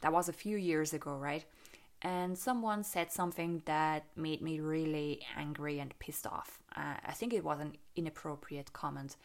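Woman, slightly low voice, casual reflective storyteller who laughs easily and checks in with "right?". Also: steady tone, normal speed. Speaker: meditation vlogger sharing her experience.

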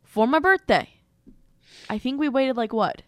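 A woman's voice: high voice, animated, a little slow, a bit bright, no echo, studio quality. A woman in her twenties co-hosting a podcast in casual conversation. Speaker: podcast co-host. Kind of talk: casual chat.

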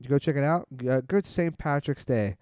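A man's voice: fairly high pitch, expressive, normal speed, warm tone, smooth, dry recording, studio quality. A man co-hosting a podcast, chatting casually about a movie trailer in a rambling, laid-back way full of fillers. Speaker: podcast co-host.

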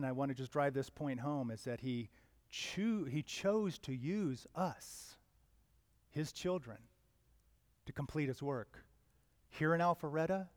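A man in his fifties preaching a sermon in an earnest, conversational way, with sudden loud emphatic swells. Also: mid-range voice, no room sound. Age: 50s. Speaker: pastor.

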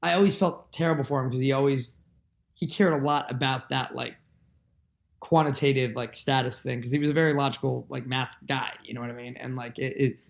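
A man's voice: medium pitch, fairly even intonation, a little fast, gravelly. A young adult man, a musician guest, talking candidly and earnestly in a rambling podcast conversation full of fillers.

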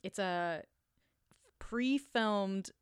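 A woman's voice: mid-range voice, very slow, clear, resonant tone, dry recording, clean studio sound. A woman from the US Midwest chatting casually as a co-host, with valley girl phrasing full of "like". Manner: valley girl talk, frequent "like". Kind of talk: casual chat about film and TV.

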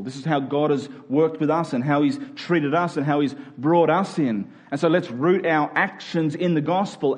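An Australian-accented pastor, his voice on the high side with a darkish tone, delivers a sermon. He sounds earnest and conversational and keeps asking his listeners questions.

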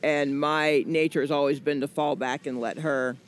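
A comedian guest in her forties from Atlanta in the US South chats in a casual interview, rambling, joking, and using plenty of fillers. Her voice sits low with fairly even intonation at a normal speed. There's slight background noise.

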